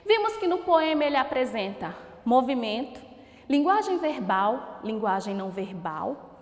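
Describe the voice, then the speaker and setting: A Brazilian woman teacher giving a recorded lesson to children, slowly sounding out words syllable by syllable and asking encouraging questions. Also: a little high, big pitch swings. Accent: Brazilian Portuguese. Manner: slow, drawn-out syllable-by-syllable word pronunciation; encouraging, asks questions and praises. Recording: echoey room with long reverb.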